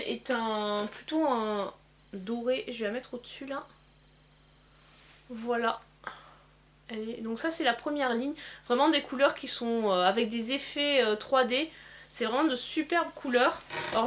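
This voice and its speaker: A woman demonstrating eyeshadow swatches in a casual vlog, pausing often with fillers. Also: fairly high pitch, a bit bright. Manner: hesitant, many filler pauses. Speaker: beauty vlogger. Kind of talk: casual makeup swatch demo.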